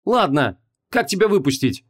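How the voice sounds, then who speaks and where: A man reading an audiobook, voicing a brash, impatient young woman apprentice mage with a raised pitch. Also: big pitch swings, moderate pace, breathy edge.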